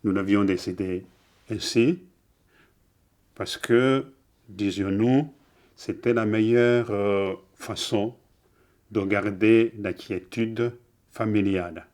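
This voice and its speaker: An older man from Rwanda giving a measured, deliberate testimony in an interview. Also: lowish voice, steady tone, a little mellow.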